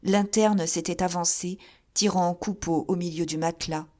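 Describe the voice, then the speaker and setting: Woman, audiobook narrator, fairly low pitch, measured, even pacing. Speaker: audiobook reader. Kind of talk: scripted narration.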